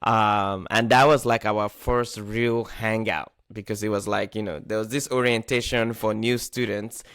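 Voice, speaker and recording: Smooth-voiced man hosting casually. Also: lowish voice, little pitch movement, measured pace, hardly any pauses, fairly bright tone, no echo, studio quality. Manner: casual, lots of "like" and restarts. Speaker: podcast host. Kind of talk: casual chat.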